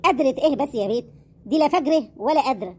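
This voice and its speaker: Egyptian comic actress, loud and theatrical, high-pitched, rapid delivery. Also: female voice, expressive, breathy edge. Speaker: comedy sketch performer. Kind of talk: comic village sketch acting.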